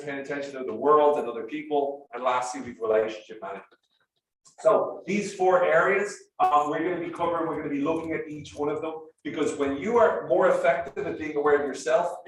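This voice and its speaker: Recorded from a distance in a roomy, echoing space, an Irish-accented man whose voice sits on the high side leads a live sales training session. Speaking off-mic, he walks the group through ideas step by step with energy, letting his phrases soften as they end.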